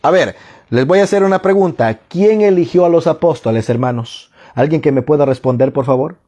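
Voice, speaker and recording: A man preaching a sermon in a slow, emphatic way, often asking rhetorical questions and answering them himself. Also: on the high side, dark tone.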